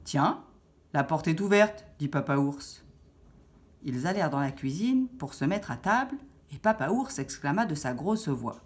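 Lady reading a kids fairy tale, lively voice going up and down, lowish. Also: normal speed. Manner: expressive, animated storytelling. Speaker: storyteller. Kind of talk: children's story reading.

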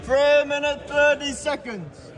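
A man's voice: very high voice, takes it slowly, a crowd in the background. A man chatting casually courtside at a basketball game, reacting to plays and swearing at times. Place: large indoor sports hall. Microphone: far camera. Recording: echoey hall with loud ambient noise.

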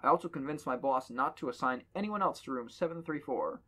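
With an expressive mid-range voice that's pushed and bright, a man reads a little fast through a horror story for friends on a podcast. He reads the dialogue aloud and jokes between passages, making it a casual reading with banter.

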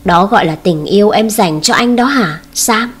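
A cool, dismissive young man, as a woman narrator reads his lines. He speaks coldly and firmly. The voice is husky and stays at a middle pitch. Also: normal speed, natural voice. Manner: cold, dismissive.

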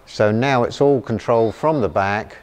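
A man's voice: fairly low pitch, moderate pace. An older man who operates farm sprayers, talking plainly and enthusiastically about his machine in a filmed customer testimonial, often repeating a word as he goes. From England. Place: large farm machinery shed.

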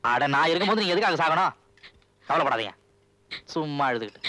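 An actor playing a breezy young newlywed son-in-law who brushes off the family's fuss. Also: male voice, fairly high pitch, animated, quick pace, sharp tone, a little hiss or hum.

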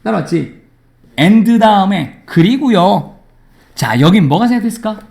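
A man teaching an English grammar lesson in a classroom, lively and teasing with his students. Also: high voice, measured pace, gravelly.

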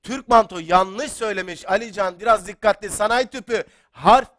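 A man hosting a live-streamed quiz show, chatty and excitable, reading out viewer comments and sometimes getting loud. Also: high voice, normal speed, no room sound. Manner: excitable, gets loud then apologizes.

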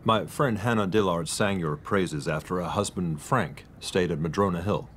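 An actor playing an earnest, worried middle-aged husband confiding in a doctor in a radio drama. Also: male voice, deep voice, moderate pace, fairly bright tone, a little hiss or hum. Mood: hesitant, anxious.

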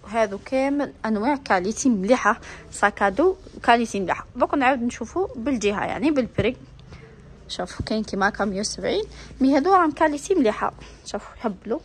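A woman's voice: mid-range voice, slightly rough. A woman with an Algerian Arabic accent filming inside a bag shop on her phone, eagerly reeling off prices and gushing over the bags as a shopping vlogger. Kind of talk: product showcase vlog. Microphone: handheld phone while filming.

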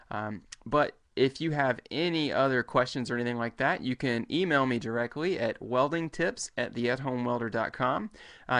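A man in his thirties talks through a welding lesson on a live webcam stream, in a middle-pitched voice. He speaks loosely and conversationally, full of ums and restarts. The sound is plain webcam audio from a small room at home. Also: a bit bright, smooth. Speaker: welding show host. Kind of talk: casual livestream lesson. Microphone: webcam at desk.

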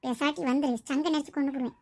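A woman's voice: sits high, fairly even intonation, very fast, darkish tone. A woman voicing an impatient father who coaxes and scolds his small son at mealtime. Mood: coaxing. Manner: coaxing then scolding, exasperated.

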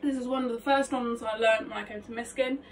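A young woman vlogging her vocal warmup, chatty, rambling and self-mocking, her voice slightly phlegmy. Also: on the high side, steady tone, fast talker, slight background noise. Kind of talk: casual vocal warmup vlog. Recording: voice a bit distant from mic.

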